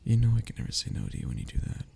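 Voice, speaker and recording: In an intimate audio roleplay, a young adult man plays a wistful, lovestruck childhood best friend, halting, sighing and confessional. His tone is warm and lightly acted, the mood reluctant and teasing.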